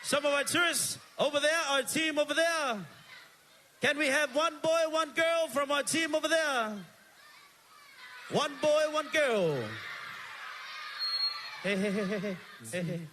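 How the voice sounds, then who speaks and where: A very high, bright male voice with a Samoan accent, working a live crowd from the stage. He is energetic, calls out to the audience and flips between Samoan and English. He speaks into a handheld microphone with a faint noise underneath. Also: a little slow, long pauses. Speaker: master of ceremonies. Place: stage at an evening show.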